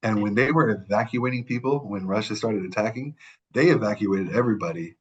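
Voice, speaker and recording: The audio is dull as a podcast guest from the Middle East recounts personal stories in relaxed conversation. He speaks fairly quickly in a fairly low voice, stresses points through repetition, and frequently restarts his sentences with self-corrections.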